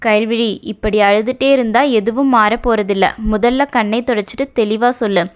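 Woman narrator voicing a caring older sister, gently scolding, clear high voice, lo-fi sound. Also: steady tone, normal speed, natural voice. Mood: coaxing. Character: caring older-sister friend, firm but kind. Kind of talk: audio novel character reading. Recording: dull lo-fi recording.

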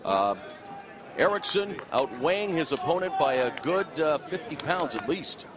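High-pitched male fight commentator. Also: lively intonation, a little slow. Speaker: play-by-play commentator. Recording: loud music and arena crowd behind. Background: music, roaring crowd.

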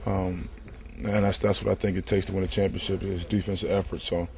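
Young male player, fast and gravelly, stock sound-bite answers into reporters' mics. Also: sits low, flat delivery, a little mellow, a little hiss or hum. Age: young adult. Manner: stock answers, repeats words. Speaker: basketball player. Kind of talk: post-practice media interview. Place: indoor practice gym. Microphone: cluster of handheld reporter mics.

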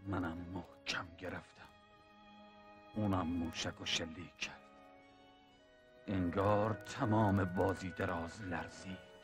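A seasoned soldier speaks in a very low, steady voice, as an actor plays him. He tells his stories in a calm, measured way. Faint film music plays underneath. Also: natural voice. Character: seasoned male war veteran, steady mentor. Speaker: older soldier in war film.

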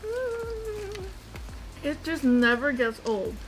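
Easygoing kiwi woman raving about croissants, brightish pitch, light music behind. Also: big pitch swings, drawn-out words, rough recording. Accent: New Zealand. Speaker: food vlogger. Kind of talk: casual food vlog chat.

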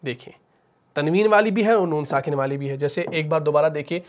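A man with a Pakistani Urdu accent teaches tajweed in a patient, step-by-step way, asking a question and then answering it himself. His voice sits fairly high for a man. He slows into melodic chanting when he recites the verses.

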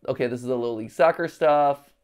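A man in his thirties hosts a casual livestream from an indoor room set, reading aloud and muttering half-finished thoughts as he thinks through a puzzle live. His medium-pitched voice is fast, smooth and darkish in tone.

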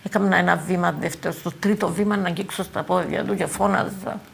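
An older woman with a Cypriot Greek accent giving halting eyewitness testimony, repeating words and phrases as she talks. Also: lowish voice, steady tone, vocal fry, slightly rough. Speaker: eyewitness interviewee.

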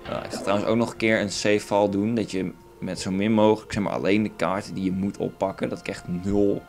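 A man's voice: on the low side, little pitch movement, a little fast, vocal fry, a little mellow. A young man with a Dutch accent commentating his own game playthrough in a crude, rambling, joking way. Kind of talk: casual let's play commentary. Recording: faint game music behind.

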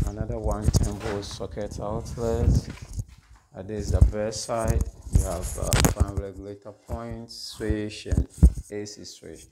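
A Ghanaian man with a lowish voice gives a casual electrician's walk-through inside an unfinished house with bare walls, halting as he itemises things. It's a noisy handheld recording made on a phone or camera in the bare room.

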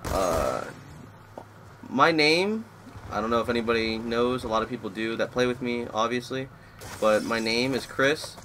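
Chatting casually over a shooter match, a young Florida man in his twenties, a gaming YouTuber, slips between personal talk and game reactions in live commentary. His middle-pitched voice has lively intonation, a moderate pace and a pushed, bright quality, with faint game sounds below, and he rambles as the match distracts him.

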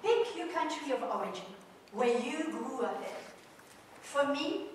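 A woman from Switzerland, giving a direct, animated public lecture to an audience in a large auditorium. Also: sits high, a little slow, slight background noise. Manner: direct, animated, pacing the stage. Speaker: guest speaker on business culture. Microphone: far camera in the audience. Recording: echoey hall recorded from far off.

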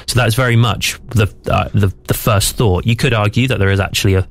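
A man's voice: on the low side, brisk, vocal fry. A man who is a theatre director, explaining and coaching a reading in a radio conversation, thoughtful with frequent restarts.

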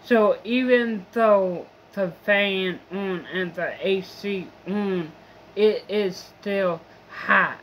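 A woman's voice: medium pitch, very slow, slight background noise. A young woman vlogger in a rambling, profane, complaining monologue. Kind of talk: casual venting monologue.

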